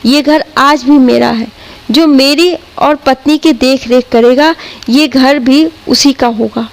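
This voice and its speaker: A woman's voice: high-pitched, fairly even intonation, takes it slowly, rough recording. A woman voicing an angry elderly father in a spoken story, indignant and raised.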